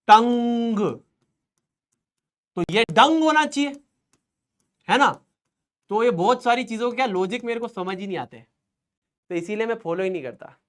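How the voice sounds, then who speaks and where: A man's voice: high voice, fairly bright tone, clear, resonant tone. A young man teaching a live online chemistry class, chatty and playful, joking with students between quiz polls.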